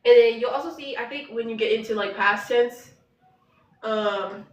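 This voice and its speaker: A woman co-hosts a relaxed live study session, reading her Korean notes aloud and laughing off her mistakes. Her voice is on the high side at a normal speed, and the recording sounds roomy, distant, dull and a little noisy.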